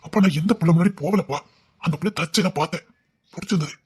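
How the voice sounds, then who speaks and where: The speaker is a young actor in a family drama, cast as a proud and stubborn village son who begs his parents with earnest insistence. Words rush out of him in a husky, slightly high voice with a darkish tone.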